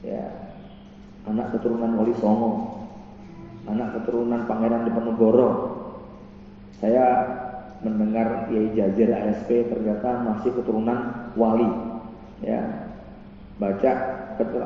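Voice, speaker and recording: Animated male preacher in an echoey hall. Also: mid-range voice, slight background noise. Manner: animated storytelling, acting out quoted voices. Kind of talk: pre-marriage religious lecture. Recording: echoey hall, distant mic, dull sound.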